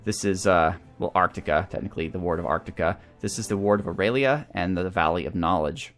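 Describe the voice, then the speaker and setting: A man hosts a gaming channel, talking through a strategy game while thinking aloud. His voice is low-pitched and a bit bright, and he speaks fairly quickly. Video game music plays in the background.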